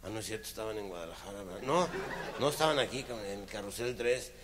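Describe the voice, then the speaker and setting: A man with a Mexican accent telling crude jokes in animated slang. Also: fairly low pitch, fast talker, a little hiss or hum. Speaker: comedian. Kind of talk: stand-up joke telling.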